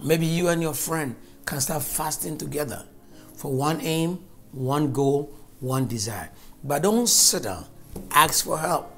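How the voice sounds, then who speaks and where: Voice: mid-range voice, slow, fairly bright tone. A preacher giving a fervent, emphatic sermon and spoken prayer, repeating phrases for stress.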